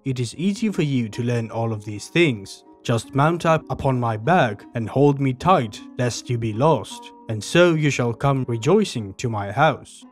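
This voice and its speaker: A man's voice: mid-range voice, lively intonation, measured pace, hardly any pauses, faint music behind, lightly acted. A man voicing a scheming, deceitful frog king in a storybook retelling, with grand, formal recitation. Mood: proud.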